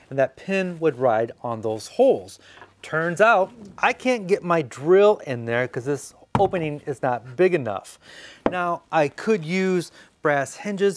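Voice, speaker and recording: Fairly high-pitched and a little mellow, this woodworking host's voice carries an American accent; he's a man in his forties. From his indoor workshop studio, he narrates a casual how-to tutorial as if chatting with a friend.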